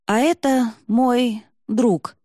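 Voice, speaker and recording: A woman's voice: on the high side, steady tone, extremely slow, warm tone, dry recording, studio quality, pitched above the performer's own voice. A woman voicing a polite, earnest young woman who is lost and wants to get home.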